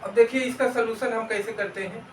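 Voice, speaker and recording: Man, maths teacher, very high voice, slow, patient, repeats steps, rhetorical questions to students, echoey room, distant mic. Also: fairly even intonation, background noise. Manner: mixes English maths terms into Hindi. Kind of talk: step-by-step maths lesson. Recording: roomy echo, mic at a distance.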